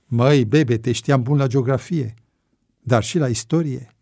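A man voicing a calm, laconic man with a mustache. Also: mid-range voice, creaky, breathy edge, no room sound, studio quality. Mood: dry.

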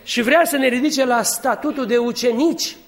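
A man preaching a sermon, telling humorous stories and building to fervent exhortation. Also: very high-pitched. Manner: lively, humorous storytelling that rises to fervent exhortation.

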